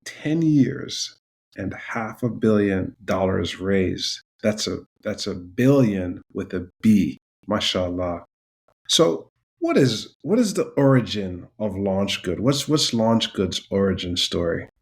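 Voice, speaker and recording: Male podcast host, lowish voice, measured delivery. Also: expressive, a little mellow. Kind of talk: podcast interview.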